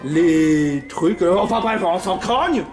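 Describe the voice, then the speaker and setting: A man puts on a greedy, pompous bully who gloats as he lists everything he has won. The voice sits high and swings widely while he takes his time. An echoey room with faint music sits behind him. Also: expressive, slow pace, darkish tone. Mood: gloating. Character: greedy bossy male gambler who mocks everyone.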